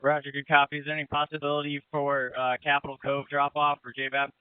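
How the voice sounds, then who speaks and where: A man on a Coast Guard boat, reporting in a matter-of-fact way with filler pauses over marine radio. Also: on the high side, monotone, smooth, dry recording. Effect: marine radio transmission. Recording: narrow tinny marine radio channel.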